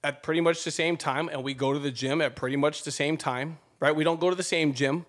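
A man in his thirties co-hosting a podcast, talking in a lively, motivational way at a desk microphone in a home studio. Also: a little high, a little fast. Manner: animated and preachy, gestures a lot. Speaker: podcast co-host. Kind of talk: casual podcast chat. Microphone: desk mic on a stand.

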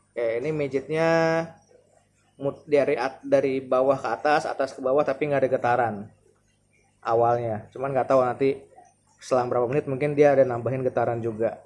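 A mellow-edged, medium-pitched male voice, fairly even in intonation, moving at a moderate pace with frequent pauses. He's a Jakarta-accented Indonesian man in his thirties, a vlogger thinking aloud as he tests a massage chair in a casual, hesitant demo in his home living room. The recording has clear background noise and room ambience.

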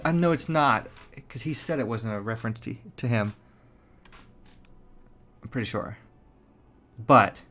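A man's voice: medium pitch, fairly bright tone. A man hosting a gaming channel, chatting casually and thinking aloud as he plays a card game. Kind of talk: casual gameplay commentary.

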